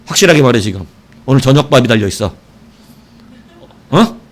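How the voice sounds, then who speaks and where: Animated man preaching, lively pitch. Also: fairly quick. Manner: animated storytelling, shouting exclamations, asks the congregation questions. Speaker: pastor. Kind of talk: evening sermon.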